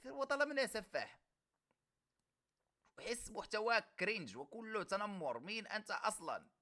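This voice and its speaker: Sharp-voiced Egyptian man streaming, mocking. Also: sits high, sing-song, normal speed. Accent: Egyptian Arabic. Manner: mocking, sarcastic, reads comments aloud. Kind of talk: live stream reaction to comments.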